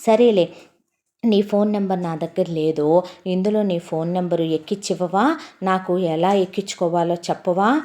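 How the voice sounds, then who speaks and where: A woman's voice: on the low side, fairly even intonation, normal speed, dark tone, lightly acted. A woman voicing a bold young village wife who insists on getting her way, speaking in a raised, nagging tone. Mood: coaxing.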